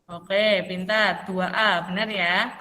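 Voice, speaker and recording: A woman's voice: medium pitch, steady tone, slow pace, bright, forceful tone. Patient teacher woman in a reverberant room. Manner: patient, questioning, calls students by name. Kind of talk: online math class.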